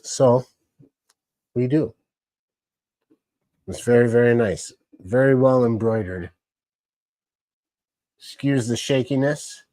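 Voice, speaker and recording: A man's voice: mid-range voice, slow pace, pauses often, mellow, dry recording. A man casually hosting a live stream, rambling along and greeting chat viewers by name. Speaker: livestream host.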